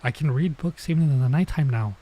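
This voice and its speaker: The recording is low quality as a man streams a visual novel, voicing the text and reacting casually. He pauses haltingly over foreign words, and his voice runs on the high side with a dark tone.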